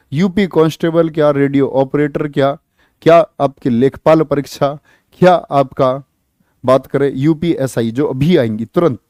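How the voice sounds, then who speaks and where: A man's voice: on the high side, a little mellow, dry recording, clean studio sound. A man teaching an online exam-prep class, quizzing students and reading out their answers. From India. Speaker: Hindi teacher.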